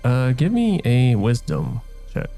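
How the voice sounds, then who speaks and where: A man running a tabletop game as game master, narrating in a relaxed way with fillers and restarts. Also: medium pitch, slow pace, gravelly, faint music behind.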